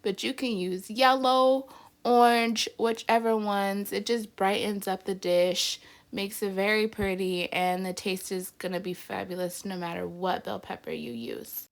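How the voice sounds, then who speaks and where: Hosting her own home cooking channel, a woman narrates a casual vlog in a stuffy, congested voice. She speaks at an unhurried pace in a mid-range register, staying chatty and upbeat and saying "y'all" a lot.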